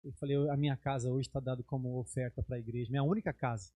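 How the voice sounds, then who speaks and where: Husky Brazilian bishop telling a testimony. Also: male voice, quick pace, no room sound. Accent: Brazilian Portuguese. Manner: animated storytelling, acts out dialogue in raised pitch. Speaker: bishop preaching. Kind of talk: sermon testimony.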